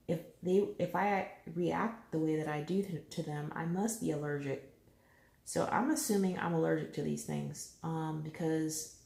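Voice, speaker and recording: A middle-aged woman chats to her viewers while she colors, telling stories with lively animation. Her voice sits low and has a gravelly edge. The room around her sounds echoey. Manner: chatty, animated storytelling with laughs. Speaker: coloring channel host. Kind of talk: casual chat while coloring. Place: bedroom at home.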